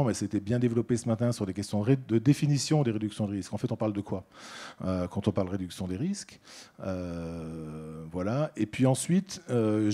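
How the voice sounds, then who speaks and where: Middle-aged male speaker, warm low-key tone, conference talk full of hesitations. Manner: hesitant, many fillers and restarts, addresses audience and colleagues. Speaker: director of an addiction care organisation, conference speaker.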